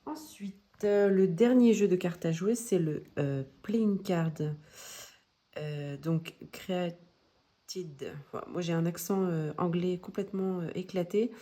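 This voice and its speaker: A woman casually showing her new card decks, talking in a gentle, hesitant way with many pauses and fillers. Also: fairly low pitch. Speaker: tarot deck vlogger. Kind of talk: casual show-and-tell.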